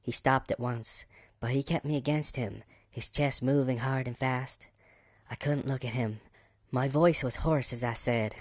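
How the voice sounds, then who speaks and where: A woman's first-person romance narration, read aloud by a man in a slightly raised voice. He uses a mock Texas accent and keeps a steady, mid-pitched reading pace. The recording is dry and close. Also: a little slow, no echo. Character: woman narrating her own romance story.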